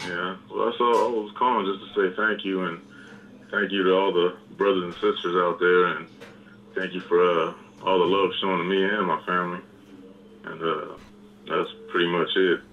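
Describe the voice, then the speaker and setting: A man's voice: sits low, flat delivery, moderate pace. A man calling in to a radio show, speaking plainly and unhurriedly. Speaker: caller. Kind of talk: call-in phone conversation. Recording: tinny phone line with hiss.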